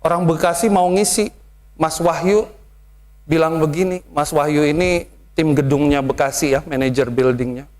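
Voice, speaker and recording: A male pastor with a high-pitched voice delivers a sermon. His storytelling is lively, and he slips into other people's ways of speaking as he goes. He sounds like a young adult. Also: normal speed.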